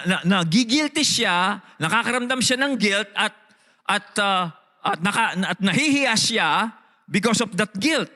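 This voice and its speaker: A man's voice: high-pitched, bright, forceful tone, long reverb tail. A man with a Filipino accent, a pastor preaching a sermon, switching between Tagalog and English and often asking the congregation "Okay?". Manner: mixes Tagalog and English, frequent "Okay?" check-ins, repeats words.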